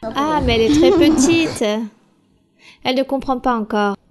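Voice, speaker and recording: A woman church leader answering questions at a Bible study, calm, direct and instructive. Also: sits high, normal speed, loud music behind the voice.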